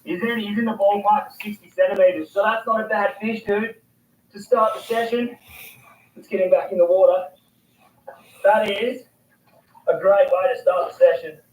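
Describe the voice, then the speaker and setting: Man, high voice, excitable fishing vlogger, distant echoey outdoor recording with background noise. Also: normal speed, long pauses. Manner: excitable, exclaiming loudly, slangy. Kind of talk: casual outdoor fishing commentary. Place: outdoors by the water.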